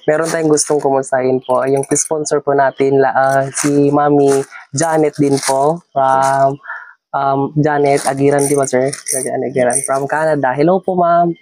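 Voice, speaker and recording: A young man, a student, chatting politely and softly giving thanks during an unboxing vlog. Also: mid-range voice, unhurried, slight background noise, poor audio. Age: young adult. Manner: polite, flat, soft-spoken thanks. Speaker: student guest. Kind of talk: casual chat.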